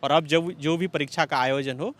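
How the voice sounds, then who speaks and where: A man reporting from a protest site, speaking in a measured, explanatory way with some fillers. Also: on the high side, fairly even intonation, fairly bright tone. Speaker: field reporter. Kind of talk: news field report. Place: outdoors in a city. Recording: faint outdoor street noise.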